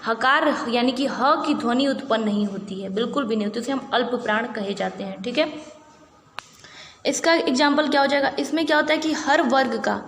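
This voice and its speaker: A woman's voice: fairly high pitch, fairly bright tone. Patient woman teacher in an echoey room. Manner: patient, repeats key points and checks in with "ठीक है". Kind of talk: exam-prep grammar lesson. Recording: echoey room with long reverb, faint background noise.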